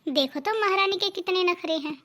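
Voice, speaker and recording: A nagging, greedy mother-in-law from a cartoon family drama, voiced by a woman, with a very high, thin voice. She scolds and jabs with sarcasm. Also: a little fast, pushed and bright, a little hiss or hum. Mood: scolding.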